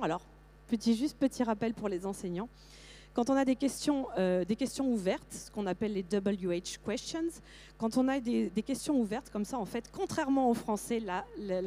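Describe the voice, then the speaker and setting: A middle-aged woman giving a lively conference talk to teachers, with frequent fillers and restarts. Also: medium pitch. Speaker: teacher trainer presenting to teachers.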